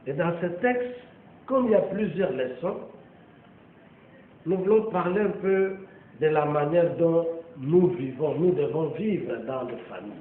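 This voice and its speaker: A man preaching a sermon, slow and emphatic, with long pauses and repeated amens. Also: fairly high pitch, a little hiss or hum. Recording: echoey, tinny lo-fi phone-like recording.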